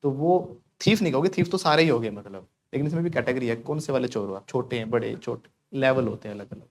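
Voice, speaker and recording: A man's voice: medium pitch, fairly quick, a little mellow, a little hiss or hum. A man from India teaching spoken English to a class in Hindi, joking and pushing his students to repeat English phrases after him.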